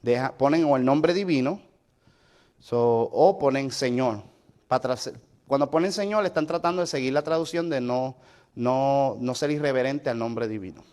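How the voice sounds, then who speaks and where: A man's voice: mid-range voice, normal speed, a little mellow. A man teaching a Bible study lesson, explaining step by step and checking with listeners whether they follow. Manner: explanatory, asks the listener questions; mixes in English fillers like "so".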